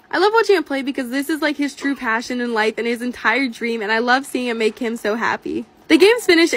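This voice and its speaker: A woman's voice: high voice, a bit bright. An eighteen-year-old woman narrating a vlog voice-over in a gushing, upbeat storytelling way. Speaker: vlogger.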